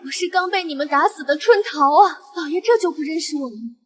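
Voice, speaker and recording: An actress playing a young noblewoman who fakes a vengeful dead maid in an eerie, drawn-out ghost wail. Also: high-pitched, expressive, long reverb tail. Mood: eerie, mournful. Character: scheming young noblewoman faking a mournful wailing ghost maid. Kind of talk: Chinese short-drama acting.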